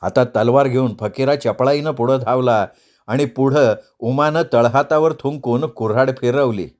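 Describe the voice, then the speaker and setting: A man's voice: mid-range voice, normal speed, a little mellow. A man narrating a novel as an audiobook, telling the story dramatically.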